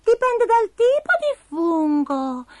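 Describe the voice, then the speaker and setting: A woman voicing a tiny magical female spider in a storybook reading, speaking in a high, squeaky, fluttery way. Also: big pitch swings, slow pace, darkish tone, no echo, heavily acted. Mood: cheerful. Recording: dry, with faint music behind.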